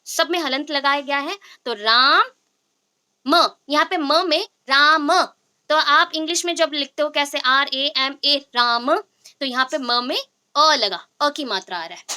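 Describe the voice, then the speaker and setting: Bright high-voiced woman teaching a lesson. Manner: explains step by step, quizzes students with repeated questions. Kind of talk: classroom lecture.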